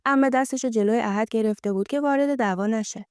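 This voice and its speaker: A woman tells a first-person life story in a smooth, mellow voice that sits a little high. The recording is close and dry, with no room sound. She reads at a steady, gentle pace. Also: no echo.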